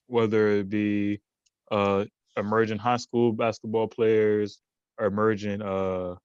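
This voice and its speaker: A man's voice: fairly low pitch, clear, resonant tone, no echo, lo-fi sound. A man as a podcast guest in casual chat, rambling with many fillers and restarts and laughing often. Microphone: remote recording.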